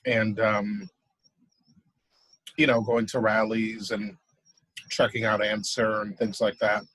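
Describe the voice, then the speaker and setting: A man with a somewhat husky voice talks easily and uses plenty of fillers in a casual interview. The sound is dry and close, with no room echo. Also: on the low side, slow pace. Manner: relaxed, filler-heavy speech.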